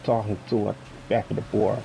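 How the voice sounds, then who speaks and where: A man chats through live gameplay as a variety streamer and reacts aloud to the game. His voice is gravelly and dark, set a little low. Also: little pitch movement, a little fast, slight background noise, poor audio. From London.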